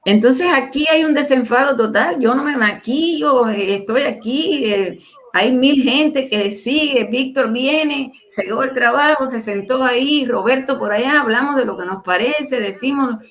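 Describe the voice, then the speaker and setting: A woman's voice: sits high, measured pace, fairly bright tone. An older woman in her sixties talks at length as a guest on a livestream interview. She keeps up a casual, opinionated flow and presses her points home by firing rhetorical questions at her listeners. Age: 60s. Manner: emphatic, asks the audience rhetorical questions.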